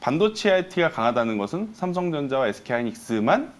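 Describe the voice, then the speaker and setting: A man giving measured, hedged market opinions as a guest on a TV show. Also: fairly high pitch, sing-song. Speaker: investment research director. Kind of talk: market commentary on TV. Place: TV studio.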